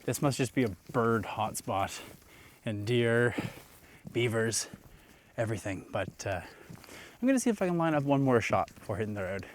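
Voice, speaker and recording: Pausing often at a normal speed, this young landscape photographer speaks in a mid-range voice over a little hiss or hum. He's out walking in snowy woods, breathless but relaxed, musing casually to the camera for his vlog.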